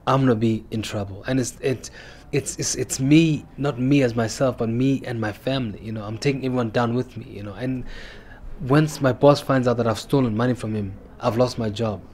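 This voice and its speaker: A man's voice: medium pitch, fairly even intonation, normal speed, darkish tone, slight background noise. A male actor in a behind-the-scenes interview, earnest and reflective, with many "you know"s.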